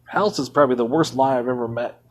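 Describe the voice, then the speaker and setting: A man's voice: medium pitch, fast. A man streaming a game from home, ranting indignantly in casual commentary.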